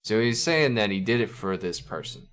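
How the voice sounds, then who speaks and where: A man with a somewhat low voice talks through his thoughts in a relaxed, conversational way. He pauses often, restarts sentences and leans on fillers as he reflects. The sound is from a desk mic at a computer, run through a compressor. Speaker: channel host analyzing song lyrics. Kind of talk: casual spoken commentary. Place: indoors at a computer.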